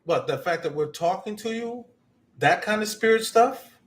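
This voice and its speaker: A man's voice: high-pitched, expressive, normal speed. A man hosting a livestream, chatting casually in a folksy, joking way to viewers and spirits. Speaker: livestream host.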